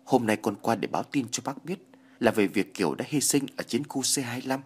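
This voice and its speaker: A man voicing a weary middle-aged soldier who speaks softly and stammers in a spoken horror story. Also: medium pitch, animated, brisk, husky. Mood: shaken. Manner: soft, stammering, deferential. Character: weary returning male soldier, grief-stricken and gentle.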